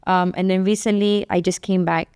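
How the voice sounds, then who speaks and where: A woman's voice: fairly low pitch, a little fast, smooth, no echo, clean studio sound. A woman who grew up in Malaysia, a guest in a casual panel chat, telling stories chattily and acting out the exchanges she quotes. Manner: chatty, animated storyteller, acts out quoted exchanges. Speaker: guest, youth entrepreneurship advocate.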